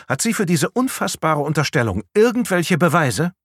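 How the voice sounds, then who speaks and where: A man's voice: a little high, big pitch swings, moderate pace, a bit bright, husky, no echo, clean studio sound, voice pushed up, heavily acted. Audiobook wife, indignant and firm, voiced by a man. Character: woman, wife defending her husband.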